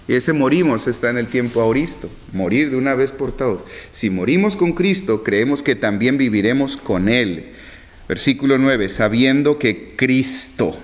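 A man preaching a Bible teaching sermon, reading verses slowly and then asking and answering his own questions. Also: medium pitch. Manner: animated, swinging from loud to hushed.

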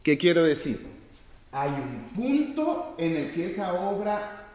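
A man teaching a sermon in a fairly high, animated voice whose pitch rises and falls freely. He asks the listeners questions and answers them himself, often breaking off and restarting. The sound is roomy, with a long hall reverb behind him. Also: takes it slowly. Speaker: preacher teaching a church class.

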